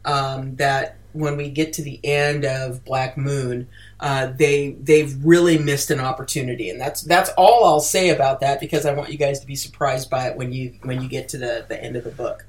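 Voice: medium pitch, fairly even intonation, moderate pace. A podcast host in casual book-club chat, hesitant, with many "uh"s and repeated words.

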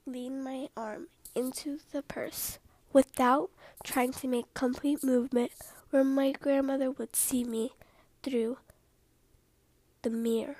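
A woman in whispered storytelling, speaking softly in a hushed whisper with rambling asides. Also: high voice, dry recording. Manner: slow, hushed delivery.

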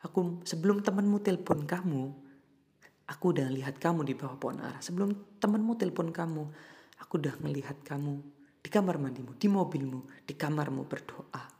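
A man voicing God, calm and reassuring. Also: mid-range voice, normal speed, vocal fry, natural voice.

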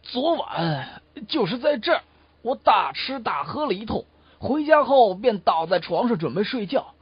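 A man telling comic stories in crosstalk style, switching lively into the voices of his characters. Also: high-pitched, measured pace, slightly rough, no echo. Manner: lively, animated voice acting in quotes. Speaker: comic storyteller. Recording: dull dry lo-fi recording.

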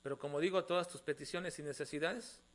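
Man, pastor, sermon, high voice, soft passages rising to emphatic appeals. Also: fast talker. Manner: preaching, addresses listeners as brothers, swings between soft and emphatic.

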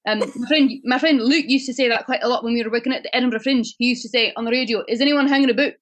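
A woman's voice: fairly high pitch, fairly even intonation, quick pace. A tipsy woman guest on a casual podcast chat who giggles, rambles and swears freely.

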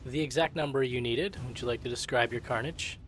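A man running a tabletop game as game master, giving matter-of-fact rulings and brisk narration. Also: medium pitch, a bit bright, a little hiss or hum.

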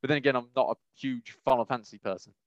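A man with a medium-pitched voice races through a casual podcast discussion of films, voicing opinions in a rambling, emphatic style and frequently repeating phrases. The audio is dull, with no echo.

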